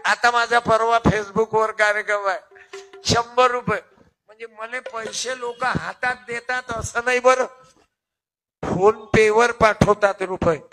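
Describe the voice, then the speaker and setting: An older man, preaching a folk kirtan and teasing his audience. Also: very high-pitched. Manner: chatty, teasing, calls on audience members. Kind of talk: devotional folk sermon with audience. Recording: loud accordion music behind.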